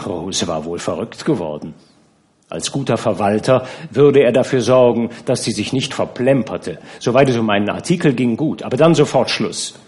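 Man reading a classic novel aloud. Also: mid-range voice. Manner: measured, expressive storytelling. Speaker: audiobook narrator. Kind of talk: literary audiobook reading.

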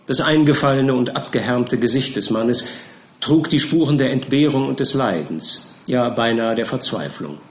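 A man reads an audiobook in a measured, theatrical way. His voice sits at a middle pitch. The recording has a roomy, echoing sound. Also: animated. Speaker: audiobook reader. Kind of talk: scripted narration. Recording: roomy echo.

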